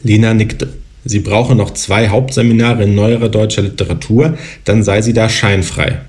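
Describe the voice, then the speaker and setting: Calm man reading a novel aloud. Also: on the low side, normal speed. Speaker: author reading his novel. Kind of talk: literary reading.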